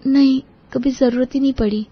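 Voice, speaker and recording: A woman's voice: high voice, fairly even intonation, moderate pace, husky, lo-fi sound. A woman voicing a sweet, shy, devout young bride in a cartoon, speaking politely and respectfully.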